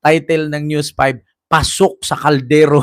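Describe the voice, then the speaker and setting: Male commentator, slow, mocking delivery, dry close sound, frequent laughter. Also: fairly high pitch, little pitch movement, no room sound. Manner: mocking, laughs often, reads viewer comments aloud. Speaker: commentary vlogger. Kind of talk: casual commentary over clips.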